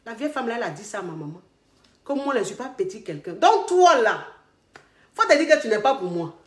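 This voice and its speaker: A woman with an Ivorian French accent, working as a relationship coach, telling comic stories. She is expressive, repeats herself, laughs often and acts out the dialogue. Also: a little high, fast talker. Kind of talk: animated comic storytelling. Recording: echoey room.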